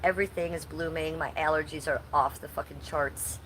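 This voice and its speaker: Low-pitched yet a bit bright, a woman from Ohio talks briskly and steadily while livestreaming from home and her backyard outdoors. Congested and nasal with allergies, she's chatty, curses freely and responds to chat. The audio is poor, with a little hiss or hum.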